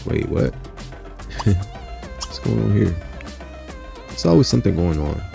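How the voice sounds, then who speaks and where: A man's voice: deep voice, lively intonation, slow, creaky, music in the background. A man giving casual, rambling gameplay commentary, talking to his viewers as "you guys" and filling his talk with "you know" and "um". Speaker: gaming channel host.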